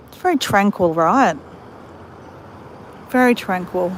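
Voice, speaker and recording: An Australian vlogger strolls outdoors through a country town and beside a creek, chatting with her viewers and calling them "guys." Her medium-pitched voice is expressive and slow, with a faint hiss or hum in the recording. It's a casual walking vlog.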